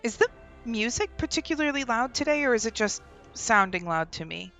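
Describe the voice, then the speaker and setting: Chatting casually through her gameplay stream at home, a young woman laughs and frequently leaves sentences unfinished, her fairly high, bright voice swinging widely in pitch and running a little fast. She uses a desk microphone with headphones, and faint music sits behind her.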